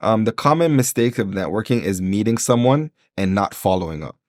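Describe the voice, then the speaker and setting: A Jamaican entrepreneur, appearing as a podcast guest, talks earnestly and motivationally in a casual interview, with frequent fillers and restarts. His lowish voice is very animated and brisk, captured cleanly in a studio with no echo.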